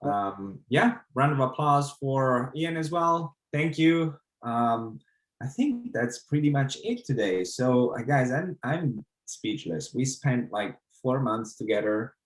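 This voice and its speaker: A man with a thick Italian accent, a coding bootcamp instructor giving halting, grateful closing remarks to his class. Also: mid-range voice, lively intonation, rough recording. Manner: halting, many fillers, grateful.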